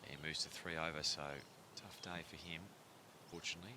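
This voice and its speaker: A man's voice: low-pitched, level tone, brisk, noisy background. A man giving live, conversational golf commentary and analysis.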